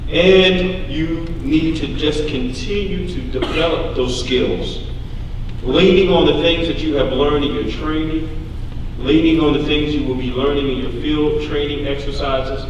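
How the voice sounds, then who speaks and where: A man with a fairly high voice gives an exhortatory podium speech at a formal ceremony. He sounds distant, in a hall thick with echo. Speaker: law enforcement official, guest speaker. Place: large hall at a graduation ceremony. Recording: very echoey hall, distant mic, faint noise.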